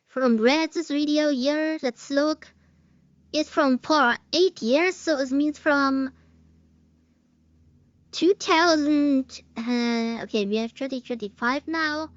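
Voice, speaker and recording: A high-pitched woman with a German accent gives slow, unhurried reaction commentary on a stream. Her English is halting, with pauses to hunt for words and some offhand swearing. The sound is dry and dull, like a lo-fi stream mic with little room. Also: no echo.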